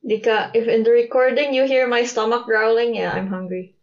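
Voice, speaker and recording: A woman's voice: fairly high pitch, fairly even intonation, muffled recording. A woman in a casual voice chat with friends, gamely trying out foreign words, her voice run through noise suppression. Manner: game, halting tries at foreign words. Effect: noise suppression filtering her voice.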